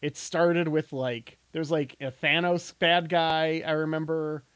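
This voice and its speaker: A man's voice: on the high side, level tone, slow, a bit bright, clear, resonant tone, no echo. A man co-hosting a podcast who also runs tabletop games, chatting casually and telling stories playfully. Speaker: podcast co-host, game master. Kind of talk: casual chat.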